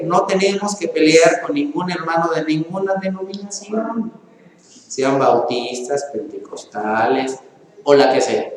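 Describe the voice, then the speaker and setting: A man preaching a sermon in a church hall into a microphone, chatting with the congregation, asking them questions and acting out short exchanges. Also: a little high. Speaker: pastor. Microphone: handheld or stand microphone. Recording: very echoey church hall with long reverb.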